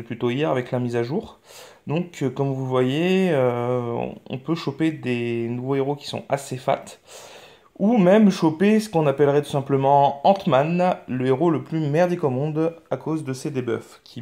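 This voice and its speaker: A man of middle pitch hosts a mobile game channel in casual gameplay commentary. He rambles and hesitates, often stopping on fillers and starting his sentences over. His tone stays frank and offhand, with some mild swearing. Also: warm tone.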